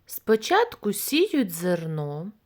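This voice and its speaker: A woman reading a fairy tale to children in a gentle, expressive way, then asking them questions about it like a teacher. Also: mid-range voice, takes it slowly.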